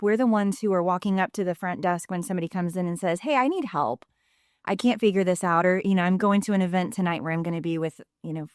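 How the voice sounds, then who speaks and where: A woman in her forties, a podcast guest, talking casually and laughing often between quick asides. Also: lowish voice, darkish tone, clean tone, no room sound, studio quality.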